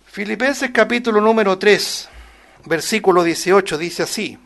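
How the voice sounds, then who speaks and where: A man preaching a Bible-study sermon, rising loud on scripture quotes and dropping soft on asides, often calling listeners "brother" and asking rhetorical questions. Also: high-pitched, normal speed, gravelly. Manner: addresses listeners as "hermano", many rhetorical questions.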